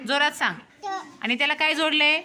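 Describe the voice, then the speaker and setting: A woman's voice: sits high, normal speed, sharp tone. A woman teaching young children in a classroom, coaxing answers with repeated short questions. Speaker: primary school teacher.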